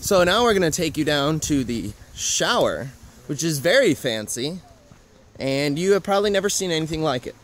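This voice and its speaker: A man's voice: fairly high pitch, animated, normal speed, slight background noise. A young man in his twenties giving a chatty, joking walking tour outdoors in the woods, filmed on a handheld camera at arm's length.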